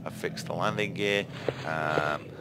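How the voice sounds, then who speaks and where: Deep-voiced man narrating gameplay. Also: slow, heavy background noise. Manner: chatty, explains step by step with frequent "yeah?" asides. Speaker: game reviewer. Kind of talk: gameplay commentary.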